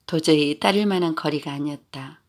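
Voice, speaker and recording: A man narrating a story in a steady, even storytelling manner. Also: a little high, moderate pace.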